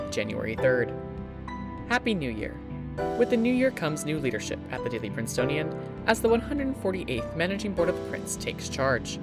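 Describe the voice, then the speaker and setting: A young man hosting a student news podcast, reading a scripted narration in a lively announcer style. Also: a little high. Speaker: podcast host.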